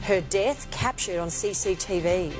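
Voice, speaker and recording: A woman's voice: on the low side, a little slow. An Australian woman reading scripted tabloid TV news headlines in a dramatic, emphatic way. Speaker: television news presenter. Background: news theme music.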